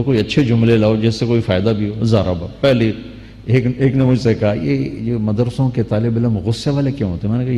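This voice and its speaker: A man preaching a sermon, telling a story with acted dialogue that rises into animated outbursts. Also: fairly low pitch, long reverb tail. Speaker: Islamic preacher.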